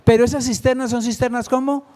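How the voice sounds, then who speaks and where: High-pitched lay preacher, a man who keeps asking the congregation questions. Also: level tone, quick pace, darkish tone. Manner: asks the congregation rhetorical questions. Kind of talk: sermon.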